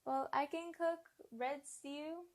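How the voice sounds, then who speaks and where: A woman's voice: high-pitched, fairly even intonation, slow, a little mellow. A young female interviewee answering questions in a casual, chatty way.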